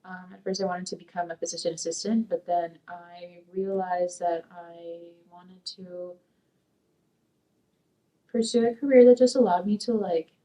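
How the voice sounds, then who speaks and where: This interviewee, a young college student raised in Sacramento after coming from Peru, rambles hesitantly with plenty of fillers while answering oral history questions in a dark studio. Her voice is on the low side, steady, warm and measured, recorded from afar with poor audio.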